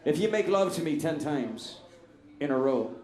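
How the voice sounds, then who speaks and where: A man's voice: a little high, animated, normal speed, warm tone, echoey room, faint music behind, close to an everyday voice. A man voicing a sly, bargaining female leprechaun in a told joke, offering deals in a matter-of-fact tone.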